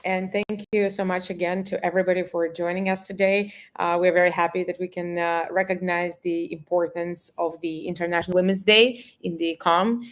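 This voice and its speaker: Low-voiced woman presenting. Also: fairly even intonation, brisk, few pauses. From Russia. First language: Russian. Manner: earnest, with frequent "uh" fillers. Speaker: events marketer presenting. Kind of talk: webinar presentation.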